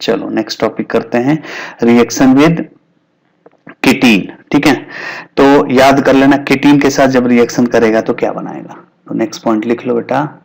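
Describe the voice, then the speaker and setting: A man's voice: mid-range voice, moderate pace, vocal fry. Male chemistry teacher, mix. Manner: repeats key terms, asks and answers his own questions. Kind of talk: explaining at a whiteboard.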